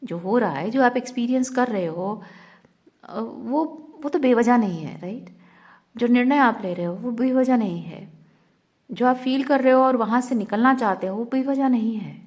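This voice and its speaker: A woman giving a slow, searching spiritual guidance talk as an intuitive reader, moving between Hindi and English. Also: fairly high pitch, darkish tone. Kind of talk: reflective spiritual guidance monologue.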